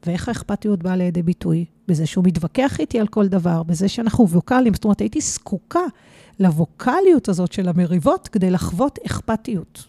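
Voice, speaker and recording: A woman, a podcast guest, telling a personal story with animated emphasis. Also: lowish voice, slightly rough, no echo.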